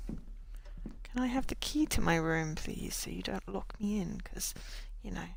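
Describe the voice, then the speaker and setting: A woman's voice: mid-range voice, expressive, unhurried, gravelly, slight background noise. A woman giving casual, quippy commentary as she plays through a game. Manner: playful, quippy.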